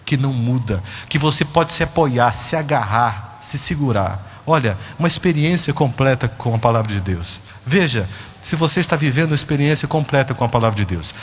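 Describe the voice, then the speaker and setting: A man preaching a sermon, dramatic, moving between hushed and emphatic. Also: mid-range voice, in a large hall, slight background noise.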